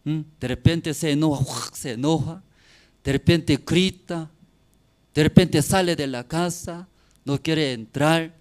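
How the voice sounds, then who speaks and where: Middle-aged pastor guy preaching, slow and steady pace, keeps asking the church questions then gets loud. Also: on the high side. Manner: preaching with rising emphatic bursts and frequent tag questions. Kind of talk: sermon.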